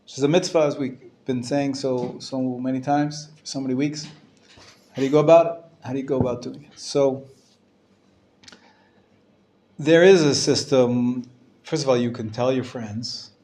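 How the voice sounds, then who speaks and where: A man's voice: medium pitch, a little mellow, a little hiss or hum. A man teaching a live class as a rabbi. He speaks informally and hesitantly, often restarting, asks and answers his own questions, and uses Hebrew religious terms. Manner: hesitant, halting delivery with frequent restarts.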